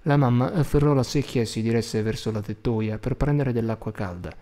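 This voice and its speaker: A man reading an audiobook aloud in a measured, somber narration. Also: mid-range voice, dark tone. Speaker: audiobook reader.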